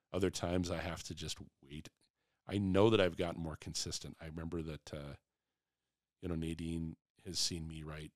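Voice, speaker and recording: Man, forties, deep voice, unhurried reflective casual chat, candid and rambling. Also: no room sound, studio quality.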